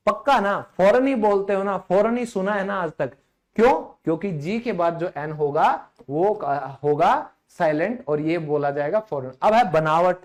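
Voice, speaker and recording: A man teaching an online English lesson in a chatty way, slightly hoarse, quizzing viewers with rhetorical questions and slowing down to pronounce words. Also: high-pitched, darkish tone.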